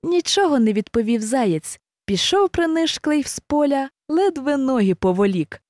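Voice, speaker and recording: A woman reading a children's fairy tale aloud in an expressive, animated way. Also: high voice, moderate pace, no echo, clean studio sound. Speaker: storyteller. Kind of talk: storybook reading.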